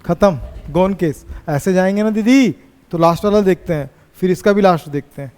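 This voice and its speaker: A man teaching a physics class, teasing his students and pushing them to answer quickly. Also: sits high, a little mellow, clean tone, big-room sound.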